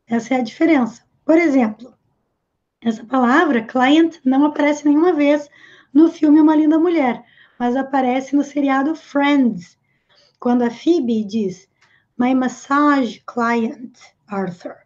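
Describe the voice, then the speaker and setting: A woman's voice: high voice, a little slow, darkish tone. A Brazilian woman with a Brazilian Portuguese accent who teaches English and patiently explains words step by step. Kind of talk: explanatory language lesson. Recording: slightly dull lo-fi audio.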